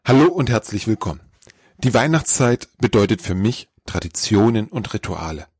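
A man's voice: fairly low pitch, sing-song, normal speed, darkish tone, husky, no room sound, clean studio sound. A man hosting a podcast, giving a scripted, lightly playful introduction. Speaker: podcast host.

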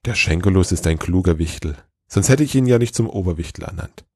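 A man's voice: low voice, expressive, brisk, darkish tone, husky, no echo, studio quality. A man reading a weary kindly old Santa. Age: older. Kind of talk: storybook reading.

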